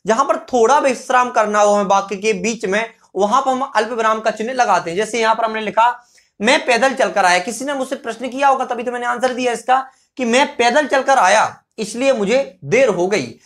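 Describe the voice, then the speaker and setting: A man's voice: very high-pitched, a bit bright. Man teaching, asking and answering himself. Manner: asks rhetorical questions and answers them himself; repeats example sentences slowly. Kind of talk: explanatory grammar lesson.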